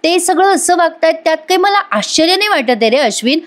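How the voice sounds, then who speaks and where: A woman's voice: extremely high pitch, expressive, quick pace, voice pushed up. A woman voicing a jailed young woman from a TV serial who speaks bitterly and fondly to a visitor.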